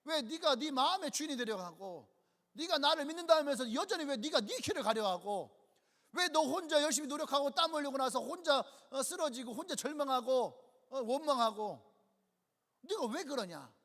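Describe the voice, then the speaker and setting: A man's voice: extremely high pitch, expressive, moderate pace, a bit bright, full character voice. A man voicing a stern but loving male Jesus who rebukes a believer with commands. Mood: rebuking. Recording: long church hall reverb.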